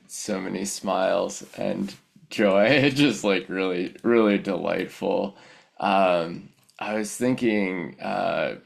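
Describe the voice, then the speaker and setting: Host guy, super deep voice, slow, rambly with lots of ums. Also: gravelly. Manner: slow and rambling, full of fillers. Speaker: reading host. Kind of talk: casual chat.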